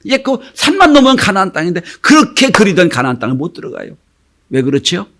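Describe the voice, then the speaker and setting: A middle-aged man preaching a sermon as pastor, telling stories and acting out the voices of the people in them, sometimes dropping to a whisper. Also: a little high. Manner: animated storytelling, acting out quoted voices; drops to a whisper for emphasis.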